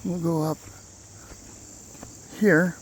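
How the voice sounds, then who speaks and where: A man's voice: fairly high pitch, flat delivery, extremely slow. Man giving casual outdoor tour, noisy background. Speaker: property owner giving a tour. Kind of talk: casual property tour narration. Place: outdoors on wooded rural land. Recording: clear outdoor background noise, insects.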